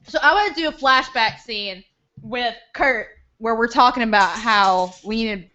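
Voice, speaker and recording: Higher-voiced woman in casual game chat. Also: normal speed, bright, forceful tone, lo-fi sound, a little hiss or hum. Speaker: player in a live tabletop role-playing show.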